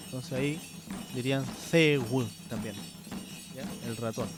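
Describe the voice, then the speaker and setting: A man hosting a radio lesson on language sounds, explaining slowly and checking in often with short questions. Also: medium pitch, over music. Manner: unhurried, checks in with frequent "¿ya?" and "¿cierto?". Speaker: radio host teaching the language.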